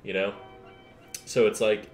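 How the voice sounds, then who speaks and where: A man's voice: on the low side, flat delivery, measured pace, roomy sound, faint music behind. A man hosting a casual reaction commentary, blunt and rambling, swearing freely as he talks it through. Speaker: commentary host.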